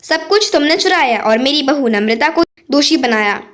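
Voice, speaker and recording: A woman's voice: sits high, animated, moderate pace, a bit bright. A woman voicing a stern, suspicious older mother-in-law who scolds her household in a storybook tale.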